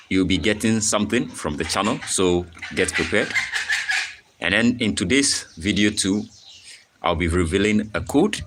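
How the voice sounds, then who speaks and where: Speaking Ghanaian English over a little hiss or hum, this young poultry farmer and channel host walks viewers through a live-stream farming tutorial one step at a time. His voice is low-pitched with a fairly bright tone. He tends to repeat points, reads chat messages out loud, and often pauses to ask "okay?".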